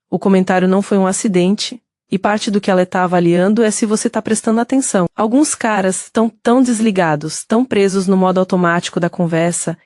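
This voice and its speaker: A woman with a Brazilian Portuguese accent giving steady scripted narration that speaks directly to the listener. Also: mid-range voice, no echo, clean studio sound.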